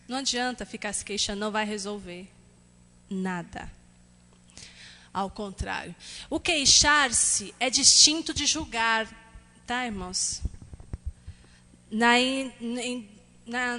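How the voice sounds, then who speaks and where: A woman pastor with a Brazilian Portuguese accent, preaching a lively, conversational sermon in a church. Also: a little high. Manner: lively, conversational preaching with quick acted asides. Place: church hall. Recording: church hall with long reverb.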